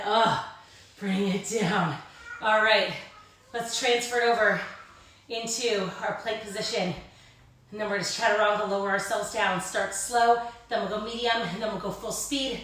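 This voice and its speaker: A woman's voice: on the high side, steady tone, moderate pace, a bit bright. A woman fitness instructor leads a live Pilates class, cueing moves and counting in an informal, encouraging way. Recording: very echoey room, distant microphone.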